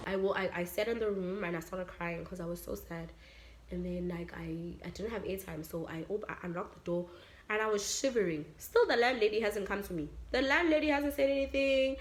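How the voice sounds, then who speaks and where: A woman's voice: mid-range voice, a little fast. A young South African woman telling a personal story in a casual vlog, acting out what people said and slipping in Zulu phrases. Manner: animated, acts out quotes, mixes in Zulu phrases. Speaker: vlogger.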